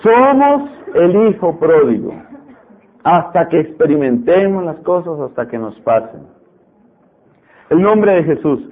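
An animated man delivers a sermon, repeating phrases and acting out stubborn voices. His voice sits high and sounds husky. It comes through a narrow, tinny radio broadcast. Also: unhurried. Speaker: preacher.

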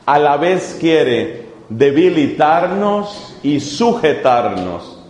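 Man preaching, measured slow delivery, repeats points for weight; roomy reverberant hall. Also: a little high, big pitch swings, a little mellow. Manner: deliberate, emphatic repetition. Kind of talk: sermon. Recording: echoey hall, long reverb.

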